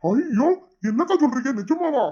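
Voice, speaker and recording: Flustered cartoon husband. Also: female voice, sits high, animated, moderate pace, mellow, lo-fi sound. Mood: relieved. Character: worried young husband, anxious and grateful.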